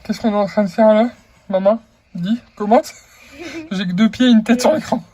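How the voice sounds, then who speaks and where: A man's voice: high voice, moderate pace, music in the background. A young man filming a casual family vlog at home, joking, swearing and talking baby talk to his infant. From France. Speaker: vlogger parent. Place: home, indoors.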